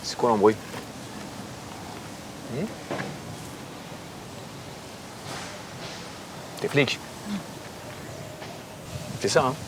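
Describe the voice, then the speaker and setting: An actor playing a shady, guarded Russian boss in a web drama, with a Russian accent and a halting, hesitant manner. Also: male voice, mid-range voice, lightly acted. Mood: wary, evasive. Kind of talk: naturalistic screen drama dialogue. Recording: noisy location recording.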